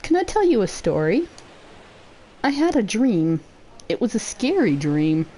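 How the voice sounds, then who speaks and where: A woman's voice: medium pitch, very animated, measured pace, mellow. A woman voicing an earnest, emotional young woman, telling things in a heartfelt, wistful way.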